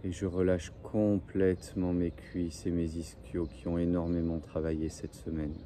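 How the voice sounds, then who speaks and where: A man leading a guided breathing and relaxation meditation in slow, soothing, repetitive phrases, like a relaxation guide. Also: sits low, level tone, mellow. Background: faint birdsong and ambient noise.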